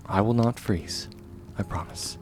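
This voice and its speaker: Man voicing Kyojuro Rengoku, deep, slow, gentle warrior. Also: soft background music, lightly acted. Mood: soothing, earnest. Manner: gentle, reassuring, measured, often hushed to a whisper. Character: kind, steadfast young warrior man comforting a weary companion. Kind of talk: ASMR comfort roleplay.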